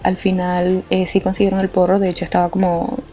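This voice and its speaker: A young Venezuelan woman telling a funny anecdote in a lively, colloquial way, laughing often. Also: on the low side, fairly quick. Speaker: art vlogger. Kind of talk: casual storytelling. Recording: slightly muffled with faint music. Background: faint background music.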